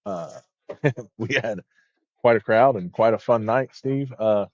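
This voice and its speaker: A man's voice: medium pitch, slow, gravelly, darkish tone, no room sound. A man commentating live on a bowling tournament in a chatty, loose way with lots of fillers. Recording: dull lo-fi stream audio.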